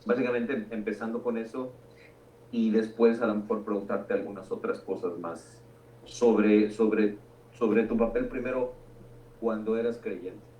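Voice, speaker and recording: A man's voice: on the low side, fairly even intonation, a little slow, mellow. A man interviewing a guest, asking questions hesitantly with frequent fillers and restarts. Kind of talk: casual conversation. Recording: distant mic, echoey room, faint background noise.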